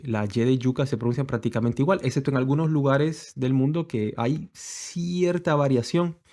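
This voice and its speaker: Man, middle pitch, teaching sermon, hesitant, explanatory. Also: mellow. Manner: hesitant, many fillers and restarts, explanatory. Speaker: congregation teacher.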